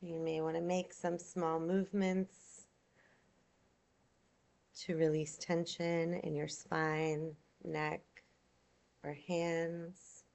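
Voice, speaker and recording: A woman yoga nidra instructor with a low, gravelly voice leads a guided meditation. She is soothing, gentle and unhurried, leaving long pauses.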